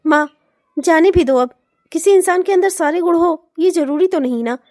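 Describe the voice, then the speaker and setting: A gentle young cartoon husband and peacemaker, voiced by a woman who speaks in soothing, reassuring tones. The voice stays very high despite the male figure, and it is dry and close. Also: moderate pace, dry recording. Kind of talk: comic cartoon voice acting.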